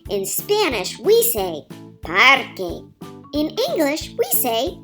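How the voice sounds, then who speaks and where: A woman voicing a cheerful, eager young girl in a children's cartoon, narrating a language lesson in a slow, encouraging way and repeating words. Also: sits high, wildly swooping pitch, over music, full character voice. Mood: encouraging, teacherly.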